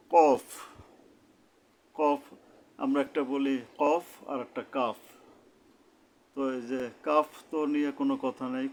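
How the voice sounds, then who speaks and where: A Quran recitation teacher with a gravelly, mid-range voice goes through each letter slowly and carefully, repeating every sound deliberately. A faint hiss lies beneath the recording.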